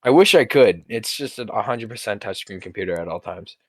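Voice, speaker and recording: A man's voice: on the low side, animated, a little fast, dry recording. A man in casual live-stream chat, flustered and self-deprecating, cursing at his own mistake as a cast member and moderator.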